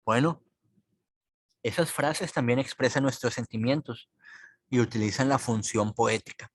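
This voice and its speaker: A man teaching a class, explaining slowly and patiently and repeating words so students follow. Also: medium pitch, breathy edge, no room sound. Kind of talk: recorded online class explanation.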